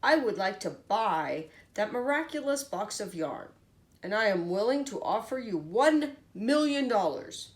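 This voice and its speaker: A woman's voice: medium pitch, big pitch swings, a little slow. A woman voicing a pompous, demanding male Archduke in a children's storybook, in an imperious, emphatic way. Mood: imperious offer.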